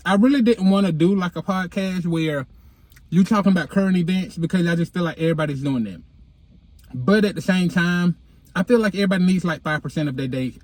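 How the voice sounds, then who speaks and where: High-voiced man with a lisp, whistling s. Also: no echo. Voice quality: lisp with whistling s from dental aligners. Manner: slangy, candid, sassy. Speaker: vlogger, podcast host. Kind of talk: casual chat to followers. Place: inside a car. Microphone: handheld phone.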